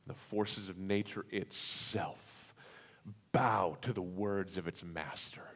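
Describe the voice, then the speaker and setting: A man preaching a sermon, with dramatic swings between hushed, slow passages and loud, emphatic ones. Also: sits low, steady tone. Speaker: pastor. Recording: long hall reverb.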